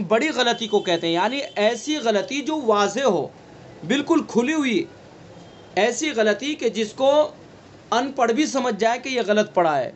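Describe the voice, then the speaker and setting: A man with a Delhi Urdu accent leads an online Quran recitation class, his voice sitting high for a man. He goes over each rule patiently, repeating it and quizzing the students, then answering himself. A faint hiss of noise runs under the recording. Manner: slow, repetitive teaching, asks and answers own questions. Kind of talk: online tajweed class lecture.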